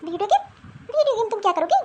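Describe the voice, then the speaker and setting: A woman's voice: extremely high pitch, very animated, fast talker, mellow, dull audio, slight background noise, pitched above the performer's own voice. A woman voicing a spoiled boy who orders his sister around in a cartoon story. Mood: bossy. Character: bossy spoiled young boy.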